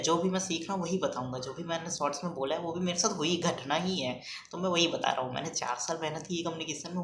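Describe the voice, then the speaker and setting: A young man vlogging in a casual, rambling way, talking softly and hesitantly with many fillers. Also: a little high. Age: young adult. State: speaking softly, kept quiet. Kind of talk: casual rambling vlog talk. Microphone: phone front camera. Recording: echoey room, faint background noise.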